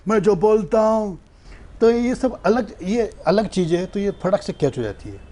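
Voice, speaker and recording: A man's voice: high-pitched, unhurried. A man, a stand-up comedian and mimic, telling stories animatedly in a casual interview. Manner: animated storytelling.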